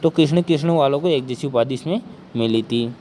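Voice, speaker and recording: A male teacher giving an exam-prep history lecture, with a sore throat and speaking softly, who keeps asking questions and answering them himself. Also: medium pitch, fairly quick, a little hiss or hum.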